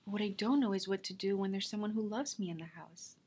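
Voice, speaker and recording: A woman acting a self-taped drama scene as a wistful, defensive woman nearing thirty, speaking earnestly with emotional pauses. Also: medium pitch, a little mellow, a little hiss or hum, lightly acted. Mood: confessional.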